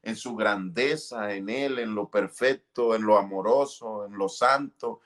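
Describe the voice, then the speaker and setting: A man's voice: on the low side, a little slow. Fervent man giving testimony. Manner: earnest, fervent, relives moments with cries and shouts. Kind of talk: emotional testimony.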